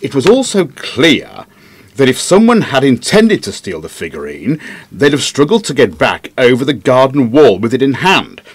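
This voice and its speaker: A man's voice: mid-range voice, very animated, normal speed, breathy edge, dry recording. A man playing a dry-witted doctor, a detective's sidekick guesting on a podcast in an audio drama. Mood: wry, explanatory. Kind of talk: conversational audio drama acting.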